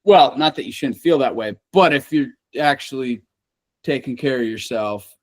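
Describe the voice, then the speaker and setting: A man's voice: mid-range voice, normal speed, no echo. A man in his late thirties, a guest hunter on a podcast, earnestly explaining his views at length. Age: late 30s. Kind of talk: casual podcast chat.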